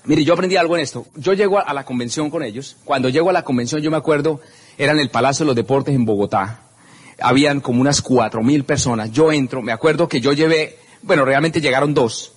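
A man telling an animated story to an audience at a business event, acting out the scenes and calling out to the crowd. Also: medium pitch, fast talker, slightly rough. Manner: expressive, acts out scenes and shouts.

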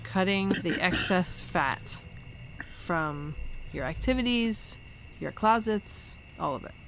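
A woman podcast host speaks in a fairly low voice, talking in a casual, conversational way. She is recorded outdoors in a backyard, with crickets and insects audible around her. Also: expressive, slow pace, fairly bright tone, slight background noise.

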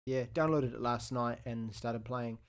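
A man chats loosely about games on a podcast. His voice sits at an ordinary mid pitch, and he fills his talk with ums and quick restarts. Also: steady tone, clean tone. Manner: chatty, frequent ums and restarts. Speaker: podcast co-host. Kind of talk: casual gaming chat.

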